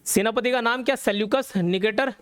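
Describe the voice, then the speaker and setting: A man's voice: very high-pitched, brisk, a bit bright. A man teaching a classroom history lecture, telling the story and quizzing students as he goes. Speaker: exam coaching teacher.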